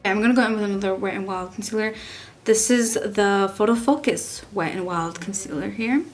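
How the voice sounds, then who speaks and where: A woman's voice: medium pitch, fairly quick, soft background music. A young woman from Texas, chatting casually through a makeup review and rambling with lots of likes and restarts. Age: young adult. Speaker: beauty vlogger.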